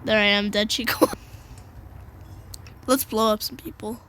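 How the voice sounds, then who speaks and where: A young woman giving casual, giggly gameplay commentary, excitable and slangy, with sudden shrieks. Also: mid-range voice, a little slow. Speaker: gamer.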